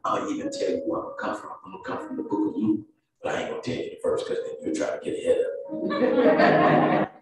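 A pastor with a Southern US accent preaches a sermon and altar call in a lowish voice, his pitch swooping wildly, his pace quick and full of pauses. His rhythmic delivery builds into sung, chanted calls. He's heard from afar in an echoey sanctuary, with organ or piano music underneath.

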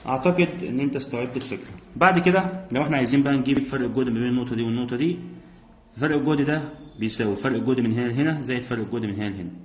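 A man's voice: medium pitch, racing, a little hiss or hum. A man with an Egyptian accent, teaching physics by working exam problems step by step, asking himself questions and answering them. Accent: Egyptian Arabic. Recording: roomy echo.

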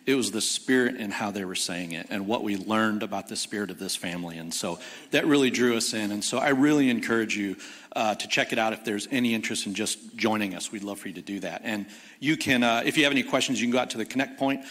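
Lower-voiced man announcing in a church hall. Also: a bit bright. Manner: plain, slightly halting, with many "uh"s. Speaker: church ministry volunteer giving an announcement. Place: church sanctuary stage. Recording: long reverb of a church hall.

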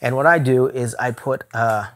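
A man's voice: medium pitch, normal speed, a bit bright. Chatty male camera gear vlogger. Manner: chatty, laughs often, candid opinions. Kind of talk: casual gear review vlog. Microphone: camera-mounted shot on a zoom lens.

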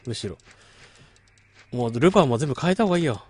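A man's voice: mid-range voice, lively intonation, fast talker, a little mellow, husky. A man streaming a game late at night, chatting casually and muttering reactions to the gameplay. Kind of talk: late-night casual chat while gaming.

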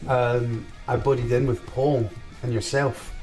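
A man's voice: medium pitch, flat delivery, measured pace, darkish tone, recorded from a distance, soft background music. A man in his thirties, a guest musician in a casual interview, speaking hesitantly with many ums and easy laughs. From England and Scotland. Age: 30s. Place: small home studio. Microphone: desk microphone.

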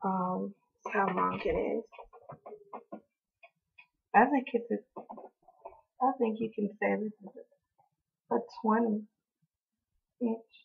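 A young beauty vlogger from North Carolina, hoarse from allergies, chats casually through a haul video with lots of ums and apologies. Her medium-pitched voice is fairly even, slow, and broken by long pauses. She records on a close-range webcam in a small indoor room in front of a door, and the sound is tinny and phone-like.

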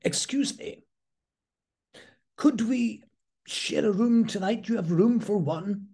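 A man's voice: high voice, slow, dark tone, slightly rough, voice pushed up, full character voice. A man voicing a posh older homeless man who asks, very politely, to share a space. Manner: polite, well-spoken.

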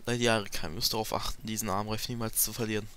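A man's voice: fairly low pitch, fairly even intonation, very fast, pushed and bright, slight background noise. A man reading a stern, dutiful knight. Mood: formal. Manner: formal, dutiful. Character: loyal stern adult male knight.

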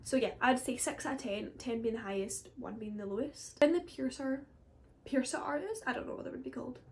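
A woman's voice: sits high, brisk. A woman, chatting casually to camera as a vlogger, rambling with frequent asides. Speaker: beauty vlogger.

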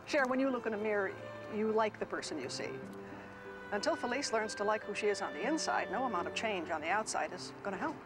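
An actress playing a wise, dry-humored teacher who lectures her students calmly, in a 1990s sitcom. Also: mid-range voice, fast talker, music in the background, natural voice, rough recording. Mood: patient. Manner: calm, wry and lecturing.

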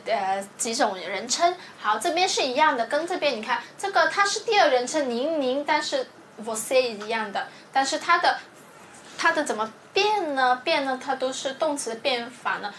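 A woman's voice: high voice, a bit bright, a little hiss or hum. A woman teacher reviewing a language lesson, explaining step by step and often checking with her students. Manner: explains slowly, checks with "对不对". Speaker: Portuguese teacher.

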